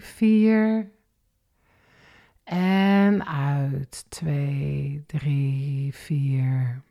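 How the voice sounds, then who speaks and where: Slow, gravelly woman guiding breathing exercises. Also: medium pitch. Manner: slow, calm step-by-step guidance with counted breaths. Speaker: breathing and relaxation instructor. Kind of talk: guided exercise instruction.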